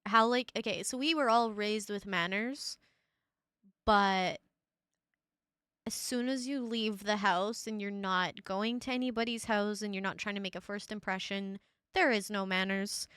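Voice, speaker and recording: A woman's voice: mid-range voice, steady tone, unhurried, a bit bright, clean tone, dry recording, clean studio sound. A Canadian woman hosting a casual podcast chat, blunt and rambling and swearing freely. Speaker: podcast host.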